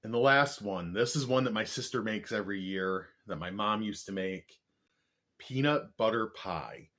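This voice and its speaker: A man's voice: lowish voice, moderate pace, sharp tone. A man chatting casually as the host of a snack review vlog, with a jokey, playfully exaggerating way of talking. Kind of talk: casual food review chat.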